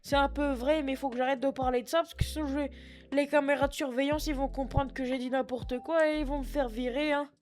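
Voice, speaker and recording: A man's voice: very high-pitched, fairly even intonation, fast. A man voicing a foul-mouthed, scatterbrained 60-year-old female shop clerk with a put-on Picard and Norman patois accent, sniffling and rambling to chat from his computer. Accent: put-on Picard and Norman patois mix. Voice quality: sniffly, rambling, swears a lot. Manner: chatty, flustered, self-mocking asides to chat. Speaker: streamer doing roleplay. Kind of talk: live-streamed game roleplay. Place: at home at a computer.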